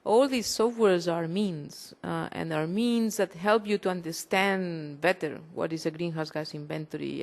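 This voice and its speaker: A woman facilitating a conference panel, summing up in a hesitant way with many fillers and restarts. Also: lowish voice. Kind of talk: closing summary at a conference panel.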